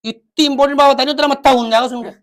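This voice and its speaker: A man's voice: extremely high pitch, racing, very noisy. A man playing a chatty, sassy woman who gossips and mocks in a comic sketch. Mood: gossipy. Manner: animated, teasing, mocking storytelling. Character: chatty gossiping adult woman, sassy older sister type.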